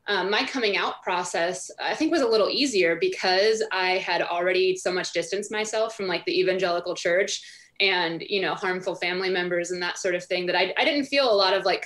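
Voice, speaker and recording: A woman's voice: fairly low pitch, fairly bright tone. Thoughtful woman guest on a video call. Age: 30s. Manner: thoughtful, many fillers like um and like. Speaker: author and guest. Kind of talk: remote interview answers. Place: home room over video call.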